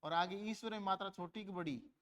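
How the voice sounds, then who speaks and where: High-voiced male grammar teacher. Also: brisk, a bit bright. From India. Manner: asks students questions and answers them himself; repeats words to contrast vowel lengths. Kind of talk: classroom grammar lesson.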